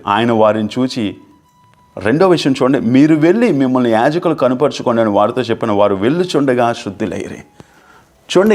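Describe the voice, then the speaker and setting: Male pastor, fervent repetitive preaching style, mid-range voice. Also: mid-range voice. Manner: fervent, repetitive preaching, rising and falling emphasis. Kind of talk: sermon.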